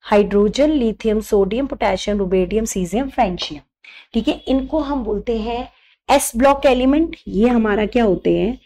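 A woman teacher giving a chemistry lesson, slowly dictating memory tricks, mixing Hindi with English terms and checking in often. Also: fairly high pitch, warm tone. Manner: slow, repetitive dictation of mnemonics; checks in with "thik hai".

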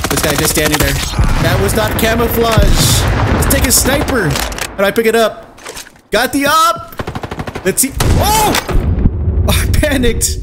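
Excitable man doing game commentary. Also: sits high, very noisy. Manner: energetic, shouting during fights. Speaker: gaming YouTuber.

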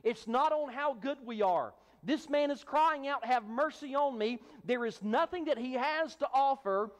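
A man's voice: very high-pitched, expressive, normal speed, long reverb tail. A man preaching a sermon as pastor, emphatic, acting out voices of a crowd. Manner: emphatic preaching, acts out the crowd's hushing in a raised voice. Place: church sanctuary.

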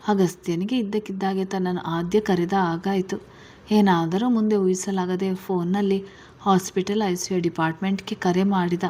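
A woman storyteller reading a serialized family novel aloud with steady, expressive narration. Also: medium pitch, moderate pace.

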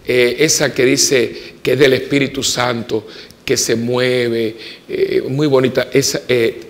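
A man with a Puerto Rican accent, a parish priest preaching a homily full of personal stories, swinging from emphatic peaks to soft, quiet asides. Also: mid-range voice, slow pace. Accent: Puerto Rican Spanish. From Puerto Rico. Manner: animated storytelling, rising to emphatic peaks and dropping to soft asides. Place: church.

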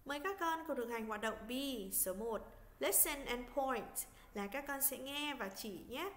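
A woman teaching English to young children, in a slow, patient lesson voice, breaking words into syllables in a sing-song way. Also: high voice, expressive, a bit bright, in a large hall.

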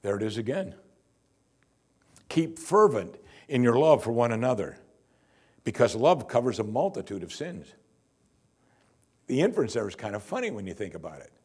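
Older man, pastor, husky voice, lively swooping pitch, chatty wry sermon, church lapel mic. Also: moderate pace, pauses often. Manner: conversational preaching, lively and wry. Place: church sanctuary at a pulpit.

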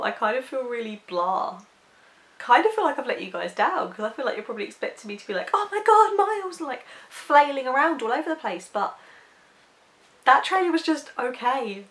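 A woman's voice: fairly high pitch, animated, fairly quick, fairly bright tone. A woman chatting casually as a book vlogger reacting to a teaser, candid and a little apologetic.

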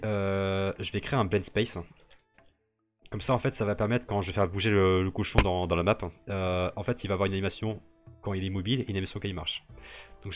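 Young male streamer, low voice, loose improvised talk-through over faint music. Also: lo-fi sound. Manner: thinks aloud, many fillers and restarts. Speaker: streamer building a 3D model live. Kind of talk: casual live-stream commentary.

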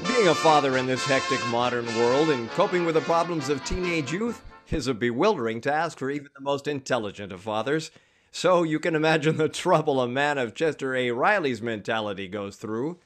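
An actor playing a polished, wry 1950s radio announcer introducing a comedy program. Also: male voice, medium pitch, expressive, a little fast, lightly acted. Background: music.

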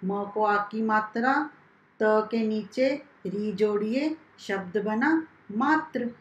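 Slow, careful woman teacher in an echoey room. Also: medium pitch, highs cut off. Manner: slow, carefully spelled-out classroom instruction. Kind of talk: primary school lesson.

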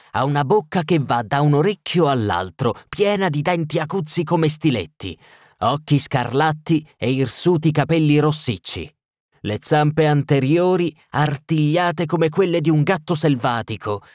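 A man's voice: fairly low pitch, dry recording, clean studio sound, close to an everyday voice. A man doing a bellowing, foul-mouthed burgomaster. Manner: shouting, coarse, exasperated. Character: hot-tempered cursing middle-aged burgomaster.

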